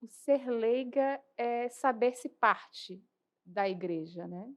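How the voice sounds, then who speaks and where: A woman's voice: a little high, slow. A young woman from Bahia with a Bahian accent, a podcast interview guest who explains church matters earnestly and articulately, often adding tag questions. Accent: Bahian Portuguese. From Bahia, Brazil. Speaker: guest, lay church worker and lawyer.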